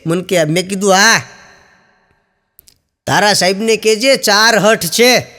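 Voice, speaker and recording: A man's voice: unhurried, bright, forceful tone. A man doing stand-up, telling jokes as stories and acting out the people in them. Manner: storytelling, acting out quoted characters with raised pitch. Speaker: stand-up comedian. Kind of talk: Gujarati joke telling to an audience. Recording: long hall reverb.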